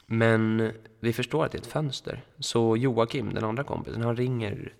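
A man's voice: mid-range voice, steady tone, vocal fry, darkish tone, long reverb tail. A young man co-hosting a podcast, telling a long party anecdote in casual chat, full of fillers and acted-out quotes. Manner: rambling anecdote with many fillers and quoted dialogue. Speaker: podcast co-host. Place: school room.

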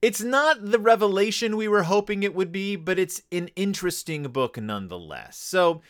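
A man in his thirties hosts a comedic book-review podcast. His voice sits a little high and bright, and it swings up and down as he rambles through digressions and restarts his sentences. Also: lively intonation, moderate pace, smooth. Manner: rambling, digressive, self-correcting. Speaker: podcast host.

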